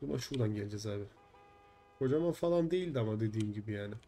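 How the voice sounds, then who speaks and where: A man's voice: fairly low pitch, lively intonation, very fast, mellow, slight background noise. A young man live-streaming a simulator game, chatting with viewers and swearing in frustration at its bugs. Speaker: gaming streamer.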